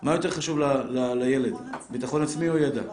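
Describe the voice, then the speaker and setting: A middle-aged man, a rabbi, giving a live Torah lesson to a seated audience, talking straight to them with lively rhetorical questions. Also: mid-range voice. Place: lecture room with a seated audience. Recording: roomy echoing room.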